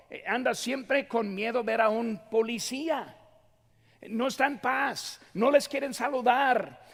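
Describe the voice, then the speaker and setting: A man pastor preaching in a church, his voice strikingly high for a man and rough with gravel. He presses his points home and turns often to address the congregation directly. A long reverb hangs after his words in the sanctuary. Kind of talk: sermon.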